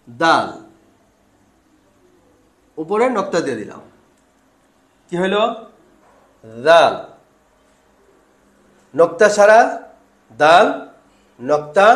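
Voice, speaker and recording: Male Quran reading teacher, slow and patient question-and-answer drills, stretched syllables, high voice. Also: lively intonation, a bit bright, reverberant. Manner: asks questions and answers them himself, drawing out syllables. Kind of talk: step-by-step lesson.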